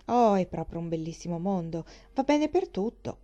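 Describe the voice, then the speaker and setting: Woman reading as a witty, teasing young gentleman. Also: lowish voice, sing-song, normal speed, dull audio. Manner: playful, ironic.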